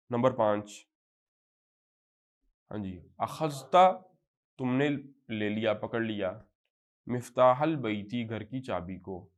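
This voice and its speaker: A man with a Pakistani accent teaching Arabic to a live class. He spells out example phrases slowly and then explains them in quick bursts. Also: lowish voice. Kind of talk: classroom lecture.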